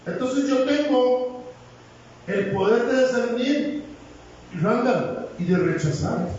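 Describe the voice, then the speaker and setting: A man delivers a lively, joking sermon in a high voice. He is picked up from afar in a very echoey church hall. The sound is dull, with a faint hiss underneath. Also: slow, distant mic. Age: 60s. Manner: humorous, animated, jokes with congregation. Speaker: preacher.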